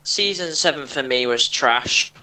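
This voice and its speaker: Chill young guy chatting games, bright voice, sits a bit back from the mic. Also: medium pitch, animated, a little slow, far from the mic, low-quality recording. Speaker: co-host. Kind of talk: casual chat.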